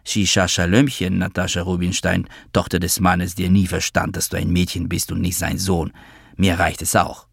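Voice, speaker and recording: A man's voice: low-pitched, flat delivery, moderate pace, gravelly, slightly rough, no echo, clean studio sound, heavily acted. A man reading a sarcastic, mocking young man.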